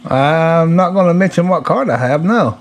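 A man with a high voice and lively, swinging pitch chats in a casual, folksy, teasing way. There is faint noise behind him. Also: normal speed. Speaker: prankster taking telemarketer calls. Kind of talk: casual joking phone chat.

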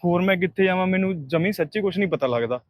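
A man plays a persistent young suitor who speaks in a slightly high, earnest voice with a Punjabi accent. He keeps apologizing and pleading. The sound is dry and close. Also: fast talker, dry recording, natural voice. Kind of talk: short film acting.

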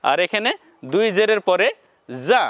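Guy teaching quran reading, spells out each sound slow, smooth resonant voice. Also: high voice, sing-song, no echo, dull audio. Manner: spells out syllables slowly, then chants the words. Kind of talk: step-by-step lesson.

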